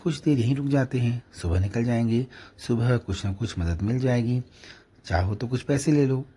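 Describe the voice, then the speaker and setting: A man's voice: mid-range voice, normal speed, mellow, husky, pitched above the performer's own voice, natural voice. A man voicing a caring young husband who speaks reassuringly. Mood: pleading.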